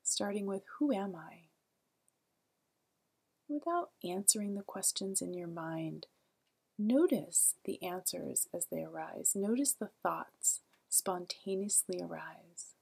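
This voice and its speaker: A woman guides a meditation in a calm, gentle, soothing manner. Her voice is soft, breathy and lowish, and she leaves long pauses.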